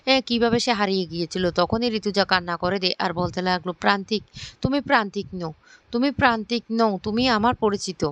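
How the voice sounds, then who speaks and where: A woman casually retelling a TV serial episode, halting with many fillers. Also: mid-range voice, no echo. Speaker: storyteller.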